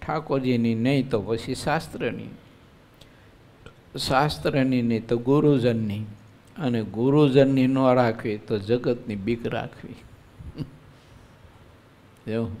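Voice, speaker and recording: A man's voice: medium pitch, takes it slowly, pauses often, darkish tone. A man who is a monk, giving a devotional sermon at a live religious gathering in a conversational way, often asking his listeners rhetorical questions. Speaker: monk preacher.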